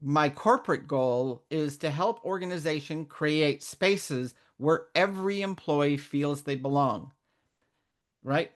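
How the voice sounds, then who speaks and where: A middle-aged woman raised in Canada, speaking as a guest mentor in a candid interview, earnest and reflective, often restarting her sentences. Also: deep voice. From born in Northern Ireland, raised in Canada.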